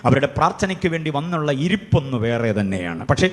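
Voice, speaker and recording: A man's voice: on the high side, sing-song, fast, big-room sound. A man preaching a sermon, asking rhetorical questions and chanting repeated phrases.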